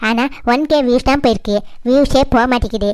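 A woman's voice: a little high, quick pace, darkish tone, smooth, no echo. A woman who makes the channel, chatting to viewers and appealing to them in a casual way. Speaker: channel creator.

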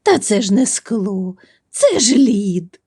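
A woman voicing a sleepy, grumpy male bear with a deep, gruff voice. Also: sing-song, takes it slowly, dark tone, no room sound, clean studio sound, full character voice. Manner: drowsy grumbling.

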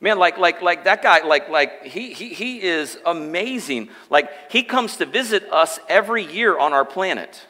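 A man's voice: sits high, lively intonation, moderate pace, few pauses, sharp tone, big-room sound, pitched above the performer's own voice, heavily acted. A man voicing a friendly male alien visitor who talks in easygoing slang, in a church sermon joke. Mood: excited. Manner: slangy, enthusiastic surfer-style talk.

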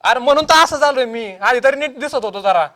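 A man's voice: very high voice, lively intonation, fairly quick, bright, forceful tone, heavily acted. A young man playing a petulant husband who bosses and whines in a comedy sketch. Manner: whiny, bossy.

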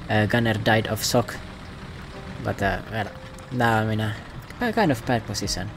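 A man giving casual, self-mocking, rambling commentary over his gameplay. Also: on the low side. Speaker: gaming commentator.

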